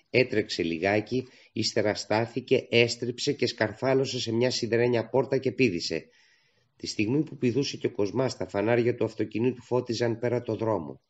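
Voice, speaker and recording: A man narrating a literary audiobook in a steady, measured storytelling manner, on a dull lo-fi recording. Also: medium pitch.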